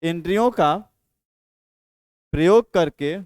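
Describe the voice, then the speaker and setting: A man's voice: a little high, slow pace, darkish tone, no room sound. A man teaching an exam practice lesson, repeating each question and then answering it himself.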